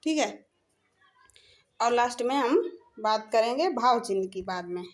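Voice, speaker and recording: High-voiced woman teaching grammar. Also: animated. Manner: slow, repeats points, says "theek hai" often. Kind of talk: explaining a grammar lesson.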